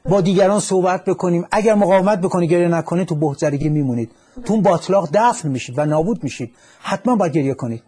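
A male psychologist on a radio call-in show, speaking in a calm, instructive way and now and then quoting verse. His voice is slightly higher than most men's and has a husky grain.

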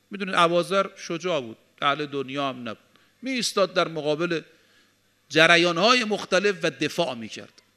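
A man delivers a sermon, his voice sitting high and sounding sharp and bright. He moves between calm explanation and emphatic, ringing peaks, often reciting Arabic sayings slowly before restating them. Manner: preaching with Arabic quotations, rising to emphatic peaks. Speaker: cleric.

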